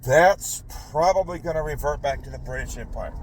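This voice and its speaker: A man's voice: on the high side, fairly quick, a little hiss or hum, rough recording. A man giving a rambling political monologue, often stopping to correct himself. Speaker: political commentator.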